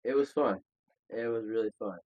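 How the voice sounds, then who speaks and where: Young male student guest, deep and husky, low-key and hesitant. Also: moderate pace, a little mellow, no echo. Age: young adult. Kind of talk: casual chat.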